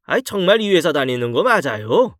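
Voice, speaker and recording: Guy playing a confused office guy, slow doubtful talk, dry sound. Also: fairly high pitch, very animated, fairly bright tone, dry recording. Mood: puzzled. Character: puzzled male law firm employee.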